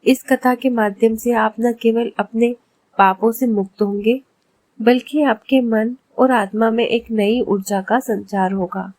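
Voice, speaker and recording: A woman calmly and reverently narrating a devotional religious story. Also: a little high, a little slow, no echo.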